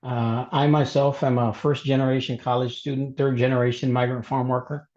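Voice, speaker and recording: A man from Mexico who grew up in Texas, introducing himself as a panelist in a webinar, pausing often with fillers and restarts. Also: medium pitch, little pitch movement, a little mellow. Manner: halting, many fillers and restarts. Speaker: panelist, college instructor. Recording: dull lo-fi webinar audio.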